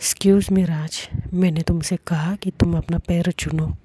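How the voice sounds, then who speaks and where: A woman's voice: lowish voice, fairly even intonation, takes it slowly, dark tone, breathy edge, dry recording. A woman narrator voicing a strict female school teacher who gives firm orders. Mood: stern.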